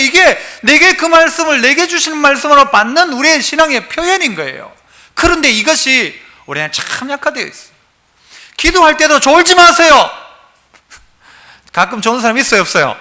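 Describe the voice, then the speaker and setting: Pastor, male, very high tense voice, folksy call-and-response preacher in a church. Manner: lively, quizzes the congregation and prompts responses; folksy and humorous. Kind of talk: sermon. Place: church sanctuary, live service.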